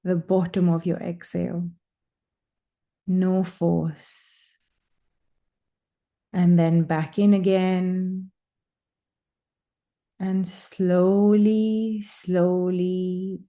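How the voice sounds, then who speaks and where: A woman guides a breathing meditation in a warm, lowish voice that barely shifts in pitch. Her phrases are slow, soothing and drawn out, separated by long pauses.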